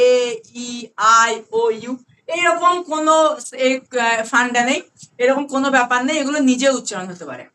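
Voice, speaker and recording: This English grammar tutor, a Bengali-accented woman with a high, sharp voice, explains patiently online against slight background noise. She slows down on key words and keeps checking her students' understanding.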